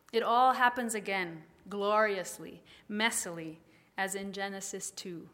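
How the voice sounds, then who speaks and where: A woman preaching a calm, measured sermon and guiding listeners through slow breathing exercises. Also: medium pitch. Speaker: pastor.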